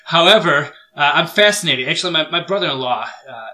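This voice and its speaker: A man's voice: on the high side, expressive, brisk, sharp tone. A man hosting a podcast in a casual, agreeable and chatty way. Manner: agreeable, chatty, light laughter. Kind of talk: casual conversation.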